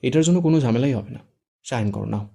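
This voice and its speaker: A man's voice: mid-range voice, lively intonation, fast talker, gravelly, warm tone, breathy edge. A man voicing the groom's joking, easygoing young friend. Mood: teasing.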